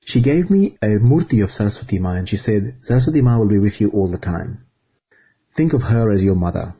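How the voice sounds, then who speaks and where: Husky-voiced man in earnest spiritual talk. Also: lowish voice, lively intonation, muffled recording. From Fiji. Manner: earnest, measured, phrase by phrase. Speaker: guest speaker.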